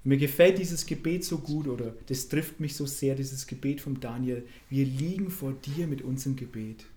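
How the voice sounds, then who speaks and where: A man preaching a sermon, swinging between loud fervent calls and quiet intimate asides, acting out voices as he preaches. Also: mid-range voice, moderate pace. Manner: acts out quoted voices in his preaching.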